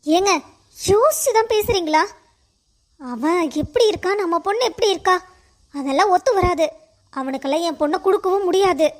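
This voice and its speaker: A woman's voice: very high voice, normal speed, long pauses. A woman voicing a stubborn, anxious middle-aged mother in a cartoon family story, arguing her point. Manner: pleading then stubbornly arguing.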